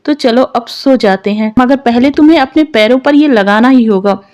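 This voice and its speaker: Woman reads a gentle young man, coaxing, fussing; storybook, light pitch. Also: normal speed, natural voice. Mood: soothing.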